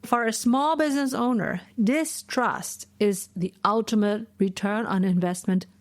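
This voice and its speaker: A woman in her forties from Asia hosts a solo podcast from her home office, her medium-pitched voice moving a little slowly over a dry recording. She lectures through her points and keeps tagging on "right?".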